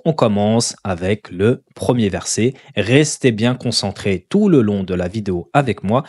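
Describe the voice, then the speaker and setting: A man's voice: on the low side, darkish tone, slightly rough, no echo, studio quality. Patient man teaching careful pronunciation. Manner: patient, repeats syllables slowly and deliberately. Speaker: Quran recitation teacher. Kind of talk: step-by-step pronunciation lesson.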